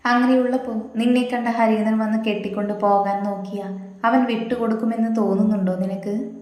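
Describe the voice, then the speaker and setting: A calm, protective big brother, read by a woman narrator who speaks slowly and soothingly. The voice stays in an even, flat register and rings through a very echoey room. It belongs to a storybook reading. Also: medium pitch, close to an everyday voice.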